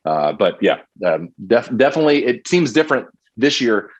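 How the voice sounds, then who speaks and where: Casting: male sports podcast co-host, mid-pitched, loose rambling delivery full of ums. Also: big pitch swings, moderate pace, dull audio. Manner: rambling, many fillers and restarts. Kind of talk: casual sports podcast chat.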